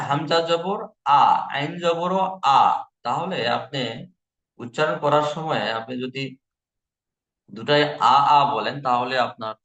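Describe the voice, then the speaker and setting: A man's voice: mid-range voice, a bit bright. Patient man teaching recitation, echoey room. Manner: patient, repeats letter sounds slowly for learners. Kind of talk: online recitation lesson.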